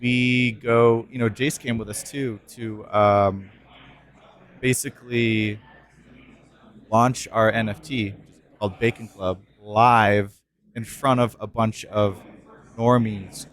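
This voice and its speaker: A man's voice: lowish voice, steady tone, takes it slowly, long pauses, a bit bright. A man co-hosting a casual podcast, talking loosely with many fillers and restarts. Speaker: podcast co-host.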